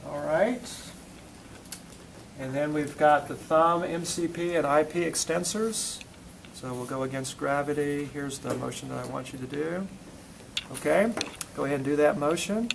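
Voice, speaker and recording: Gravelly male instructor coaching a muscle test. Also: a little high, normal speed. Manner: coaching, repeats short commands while testing; quizzes students between steps. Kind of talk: hands-on classroom demonstration. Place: classroom. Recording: noisy classroom recording.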